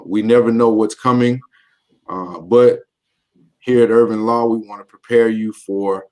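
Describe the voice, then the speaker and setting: A man co-hosting a relaxed talk show, upbeat and playful with the guests and listeners. His pitch is ordinary and middle-range. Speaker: co-host. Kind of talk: casual podcast chat.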